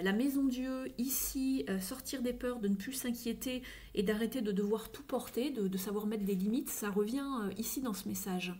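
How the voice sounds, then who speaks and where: A woman giving a casual tarot reading, thinking aloud with frequent fillers and slipping into soft whispery asides. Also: a little high. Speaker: tarot reader.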